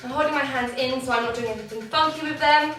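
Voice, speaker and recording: Young female dance teacher, high and bright, slightly out of breath, distant in a roomy space. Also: fast talker. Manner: encouraging, counts beats aloud. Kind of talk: online dance warm-up class. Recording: echoey room, distant from mic, faint music.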